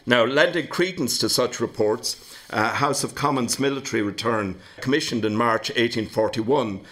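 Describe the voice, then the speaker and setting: A man giving a history lecture, measured and steady, with frequent hesitations and restarts. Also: medium pitch.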